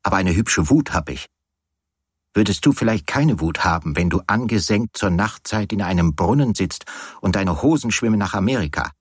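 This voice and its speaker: A man's voice: fairly low pitch, animated, moderate pace, husky, no echo, clean studio sound, pitched above the performer's own voice. A man reading an audiobook, voicing a weary, feverish man who talks in a gloomy, sardonic way.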